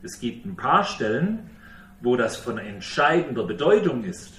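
A man preaching a sermon, slow and emphatic, asking questions and acting out quoted speech. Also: medium pitch, sing-song, a bit bright, distant mic. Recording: echoey room, voice from away from the mic.

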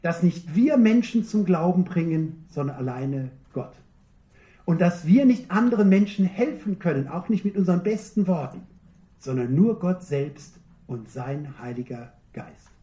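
A man preaching a sermon, earnest and emphatic, slowing down to repeat key phrases. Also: high voice, expressive, dark tone, reverberant.

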